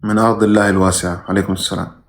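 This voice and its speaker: A man's voice: low voice, level tone, very fast. A man who teaches religion, reading viewers' questions aloud during a live stream and giving brief, plain answers with sudden emphatic rises.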